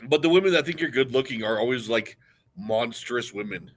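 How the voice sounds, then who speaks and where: A man's voice: mid-range voice, lively intonation, fairly quick. A man co-hosting a podcast, teasing his friend in casual crude chat and laughing often. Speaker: podcast co-host.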